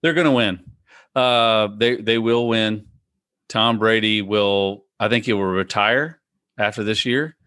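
A man's voice: on the low side, a little slow, fairly bright tone, smooth, no room sound, studio quality. A man in casual sports talk among friends, repeating his predictions emphatically with many restarts. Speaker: podcast co-host.

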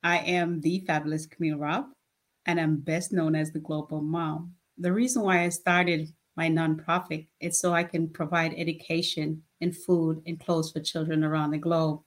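A plain-spoken woman, answering an interviewer's questions. Her voice sits a little low for a woman, and she makes her points simply and firmly. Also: little pitch movement, moderate pace. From Jamaica. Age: 50s. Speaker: nonprofit founder, guest. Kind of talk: casual interview talk.

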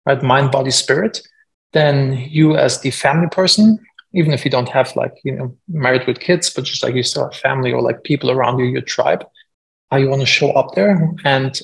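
A gravelly, medium-pitched man in his forties with a German accent speaks casually as a guest entrepreneur on a podcast, and the audio quality is poor. His talk is conversational and self-deprecating, packed with fillers.

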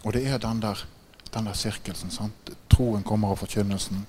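Against a faint hum of room ambience, a low-voiced preacher tells stories through his sermon, laughing often along the way. When the tale heats up his voice rises in pitch and volume, and he regularly checks in with a "right?"

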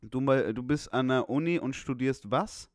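A man of middle pitch hosts a podcast in a slangy, casual way, dropping in quick remarks and speaking straight to the listeners. His voice sounds close and dry, with no room echo. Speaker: podcast host. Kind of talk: casual call-in chat.

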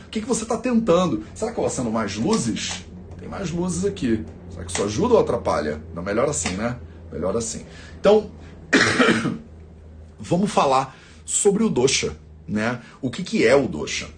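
Man, lively teaching voice. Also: fairly high pitch. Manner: rhetorical questions, constant tag questions. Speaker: Ayurveda teacher. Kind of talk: explanatory teaching talk.

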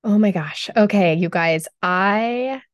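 Woman host, hoarse voice, casual and chatty, dry close sound, mid pitch. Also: slow pace, no echo, muffled recording. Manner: chatty and upbeat, with fillers like "um" and "like". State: hoarse, recovering from lost voice. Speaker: podcast host and health coach. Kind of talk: casual solo podcast talk.

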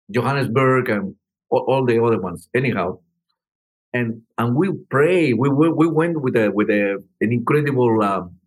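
In a rough recording, an older musician from Peru answers interview questions with stories, rambling and restarting with plenty of "you know." His voice is husky and medium in pitch.

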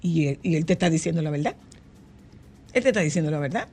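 A woman's voice: low voice, lively intonation, fast talker, darkish tone, soft background music. An older woman, co-hosting a radio talk show, emphatic and repeating words for stress. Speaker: co-host.

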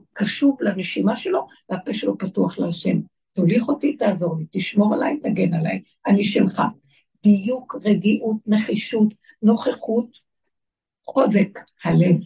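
A woman's voice: mid-range voice, gravelly, warm tone, slightly rough, distant mic, poor audio. A woman giving a religious talk to a live audience. She asks her listeners questions and chants lists of single words. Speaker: spiritual teacher.

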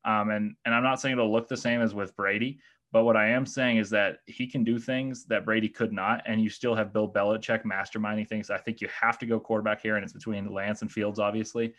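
A man's voice: lowish voice, little pitch movement, a little fast, a bit bright. A man talking through football draft picks in a casual podcast chat, thoughtful and hesitant, with many fillers and restarts, and bothered by the hiccups. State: has the hiccups. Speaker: guest analyst.

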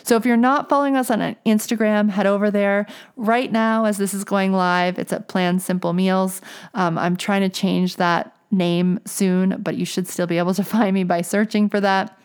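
A woman's voice: mid-range voice, level tone, moderate pace, clear, resonant tone. A woman hosting a podcast in an upbeat, chatty and enthusiastic way. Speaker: podcast host. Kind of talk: casual interview chat.

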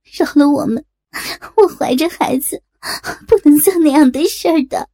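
A woman's voice: high voice, normal speed, dark tone, dry recording, lightly acted. A woman voicing a terrified pregnant young woman who begs in a trembling voice. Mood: pleading. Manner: trembling, begging.

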